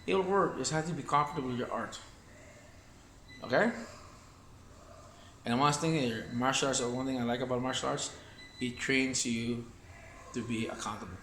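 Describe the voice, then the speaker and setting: A man's voice: mid-range voice, steady tone, normal speed, pauses often, a bit bright, a little hiss or hum. A man teaching Wing Chun in a loose, rambling way, repeating himself and talking while he demonstrates moves. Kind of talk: casual martial arts demonstration talk. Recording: echoey room with faint ambience.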